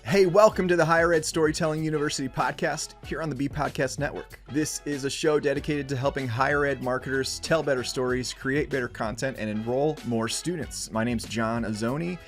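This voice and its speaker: A man hosting a podcast, talking in an upbeat, conversational way with many fillers, often trailing off softly at the ends of phrases. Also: medium pitch, steady tone, brisk, few pauses, faint music behind. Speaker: podcast host.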